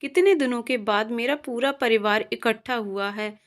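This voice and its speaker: A woman voicing an ailing elderly mother, gentle and patient, read in a soft, resigned way. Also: fairly high pitch, moderate pace, close to an everyday voice.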